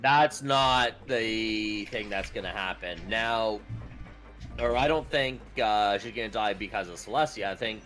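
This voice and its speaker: A man from Canada taking part in a casual voice chat, with a voice a little lower than most men's. He explains things point by point, setting others straight. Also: measured pace, fairly bright tone, faint music behind. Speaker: guest on voice chat.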